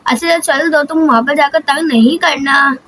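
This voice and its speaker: A woman's voice: high-pitched, moderate pace, a bit bright, a little hiss or hum. A woman voicing a cartoon mother who scolds and instructs her son. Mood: scolding. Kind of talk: cartoon voice-over.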